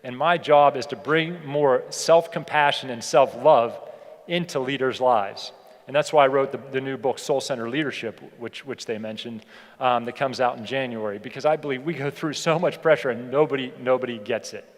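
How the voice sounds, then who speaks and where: In a large hall with an echo and long reverb, a middle-aged American leadership educator from Pittsburgh gives a motivational keynote, mixing in personal anecdotes. His voice is medium in pitch and moderate in pace. He speaks to the audience in a conversational, emphatic style and keeps repeating key phrases.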